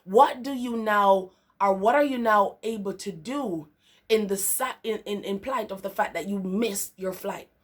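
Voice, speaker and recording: A woman's voice: medium pitch, unhurried. A young woman hosting a motivational faith talk show, enthusiastic and repeating words for emphasis. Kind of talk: upbeat devotional talk.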